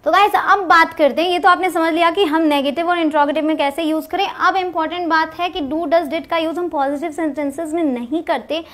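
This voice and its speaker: A young woman teaching English grammar in an online lesson, explaining step by step and reading example sentences slowly and deliberately. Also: sits high, fairly bright tone. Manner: explains step by step, checks in with "clear?".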